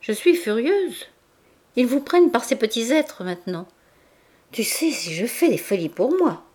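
A woman's voice: on the high side, measured pace, pitched above the performer's own voice. Woman doing an exasperated society mother. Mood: indignant. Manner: animated indignant complaint. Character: exasperated bourgeois mother, chatty, scolding.

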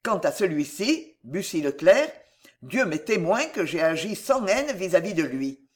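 Cool-headed veteran swordsman, dry and mocking, read by a narrator; lively, swinging delivery. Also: mid-range voice, unhurried. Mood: calm grave. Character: cool, ironic male swordsman, seasoned fighter. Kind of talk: audiobook character voice.

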